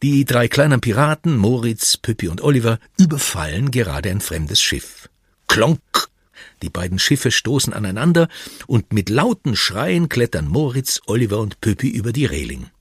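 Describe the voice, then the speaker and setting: A man reading a children's story aloud in a lively, expressive way. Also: medium pitch, normal speed, breathy edge, no echo, studio quality.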